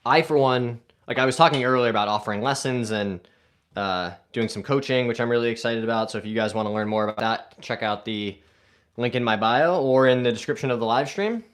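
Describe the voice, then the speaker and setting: A man's voice: mid-range voice, brisk, a bit bright. A man hosting a golf live stream, casually reading viewer comments aloud and answering them in an upbeat way.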